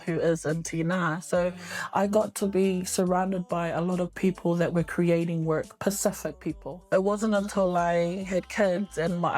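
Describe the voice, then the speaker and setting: A middle-aged woman with a lowish voice answers interview questions about her acting work. She speaks in a relaxed way and often pauses on fillers and restarts. Faint music plays under her voice. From New Zealand. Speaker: actress.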